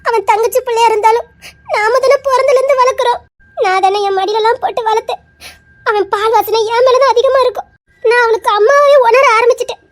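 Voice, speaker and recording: A woman's voice: very high voice, steady tone, fast. A woman voicing a timid, frightened young wife with a Tirunelveli Tamil accent, in a web-series drama. She sobs and speaks hesitantly. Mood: tearful. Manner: sobbing, hesitant.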